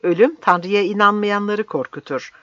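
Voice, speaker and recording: A reader voicing a fiery old village priest who shouts his defiance in an impassioned, declaiming way, on a dry, slightly dull recording. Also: mid-range voice, normal speed, no room sound, pitched above the performer's own voice, natural voice. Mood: defiant, shouting.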